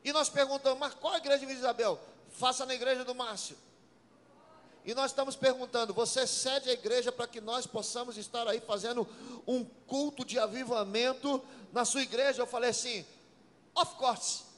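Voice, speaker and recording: A male pastor, preaching a sermon in a church, telling stories with acted dialogue and building to shouted exhortations. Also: extremely high pitch, fairly even intonation, fairly quick. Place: church sanctuary. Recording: long church reverb.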